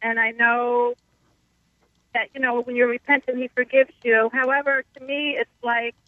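A woman calling in to a radio show on her car speakerphone, talking haltingly with many fillers and restarts. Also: on the high side, level tone, dry recording. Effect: car speakerphone over a phone line. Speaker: caller. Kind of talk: call-in radio talk. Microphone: phone speakerphone. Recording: tinny phone line, dry.

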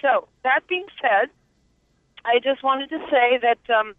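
A woman's voice: sits high, slow, no echo. A woman calling in from her car, talking earnestly and rambling with restarts over a clipped phone line that cuts in and out. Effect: clipped phone line cutting in and out. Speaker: caller. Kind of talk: call-in conversation. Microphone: mobile phone. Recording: tinny dry phone line.

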